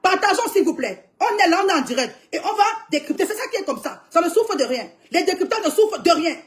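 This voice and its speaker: A woman's voice: very high-pitched, expressive, quick pace. A young woman commenting emphatically on a live stream, urging viewers to watch, with frequent cries to God. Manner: exclamatory, calling on God.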